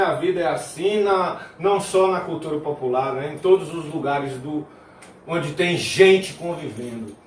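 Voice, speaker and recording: A man teaching a video lesson on folk music, singing verses and then explaining them in a loose, chatty way. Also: fairly high pitch. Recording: roomy, mic at a distance. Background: tambourine playing.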